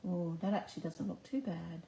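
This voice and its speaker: A woman's voice: on the low side, fairly even intonation, brisk, vocal fry, dark tone. An Australian woman giving a live card-making demonstration, chatting and talking herself through each step at her crafting table. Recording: echoey room, faint background noise.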